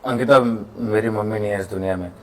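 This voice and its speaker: A man acting a kind young man who calmly pleads with his girlfriend in a melodramatic skit. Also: lowish voice, faint music behind, close to an everyday voice. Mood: sad. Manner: pleading, soothing, talks quickly. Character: gentle, kind young man defending a servant. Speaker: actor in a short skit.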